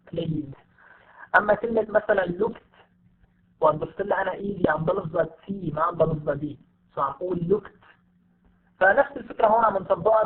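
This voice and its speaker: A man with a Levantine Arabic accent teaching an English lesson, patiently repeating example words slowly for his students. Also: high-pitched. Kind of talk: online lesson. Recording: tinny phone-like audio.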